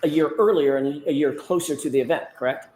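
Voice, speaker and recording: A man's voice: a little high, fast talker, a little mellow, slight background noise, poor audio. A man working as a defense attorney, cross-examining a witness in a courtroom with pointed, methodical leading questions.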